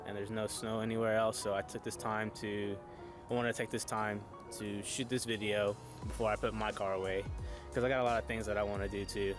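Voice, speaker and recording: Young male car vlogger, low voice, easygoing, fillers and swearing, music playing behind. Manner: laid-back, many fillers, casual swearing. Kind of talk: casual walkaround car review. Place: outdoors behind a shopping store.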